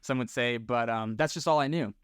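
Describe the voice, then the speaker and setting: This podcast guest, a tattoo shop owner from Orlando, Florida, talks fast in a smooth, mid-range voice. He's relaxed and slangy, bringing friendly bro energy to a casual storytelling chat. The recording is dry and of studio quality.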